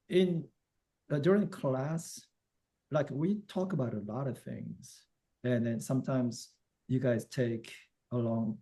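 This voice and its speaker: A man's voice: mid-range voice, dark tone. Casual male Japanese teacher on a call. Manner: casual explanations with many fillers. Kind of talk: explaining grammar in a class. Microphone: video call.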